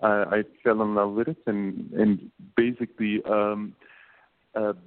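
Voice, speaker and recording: A Turkish business co-founder in his late thirties, with a Turkish accent, speaks as a guest in a casual interview, halting and full of fillers and repeated words. His voice is fairly low and flat, and the audio is narrow-band, like a phone.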